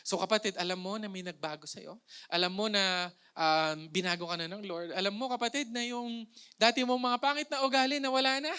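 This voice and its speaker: A man's voice: high-pitched, a little fast, bright, forceful tone, clear, resonant tone. A young man with a Filipino accent preaching a playful, conversational sermon, mixing in jokes and rhetorical questions to the congregation.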